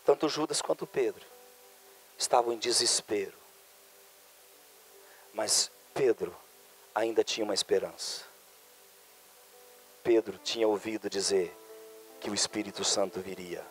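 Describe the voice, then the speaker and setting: A male pastor preaching a sermon, moving from quiet storytelling to loud, high, fervent preaching. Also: unhurried, long pauses, slightly rough, soft background music. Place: church conference hall.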